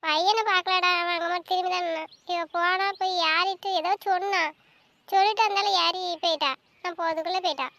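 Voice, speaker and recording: Brief: woman as an anxious elder sister, very high bright voice, nagging and insistent. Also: fairly even intonation, fast talker, full character voice. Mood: agitated. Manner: frets aloud, calls out insistently. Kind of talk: family web-series drama acting.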